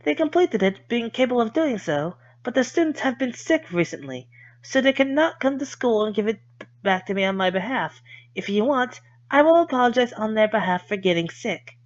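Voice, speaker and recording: A man's voice: extremely high pitch, animated, normal speed, lo-fi sound, voice pushed up. A man voicing a polite, refined blind schoolgirl who speaks in a formal, composed manner. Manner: formal, composed, slightly stiff.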